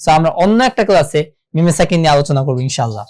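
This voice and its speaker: A teacher with a Bangladeshi Bengali accent leads an online lesson on reciting the Quran. They go through each rule patiently and pose questions to the class before answering them. When they quote a verse, they slow right down and draw out the sounds. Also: medium pitch, lively intonation, a little mellow.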